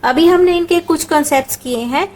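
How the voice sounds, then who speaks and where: A woman's voice: high-pitched, fairly quick, a little mellow, rough recording. A woman teaching math, patiently walking through each step and answering her own questions, with number words mixed into her speech. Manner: patient, asks questions and answers them herself. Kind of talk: step-by-step classroom explanation.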